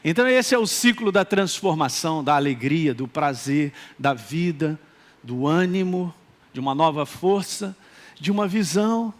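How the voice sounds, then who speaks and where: A male pastor with a Minas Gerais accent preaching a lively sermon and acting out quoted voices. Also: on the high side, moderate pace. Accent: Minas Gerais Brazilian Portuguese. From Minas Gerais, Brazil. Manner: animated, acts out quoted voices, calls for responses.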